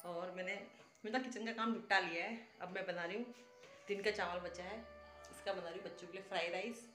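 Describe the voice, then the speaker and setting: A woman's voice: on the low side, steady tone, quick pace, a bit bright, soft background music. Chatty Uttarakhandi woman vlogging farm life. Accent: Uttarakhand Hindi. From India. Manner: chatty, explains farm work step by step. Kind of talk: casual village vlog narration. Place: outdoors by rice fields and farmyard, then home kitchen. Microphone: phone camera, often held at arm's length.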